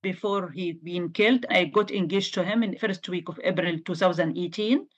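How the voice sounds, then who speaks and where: A woman's voice: fairly low pitch, moderate pace, lo-fi sound. Earnest woman from Egypt, English. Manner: earnest, insistent, non-native English grammar. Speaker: interview guest. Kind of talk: interview answers.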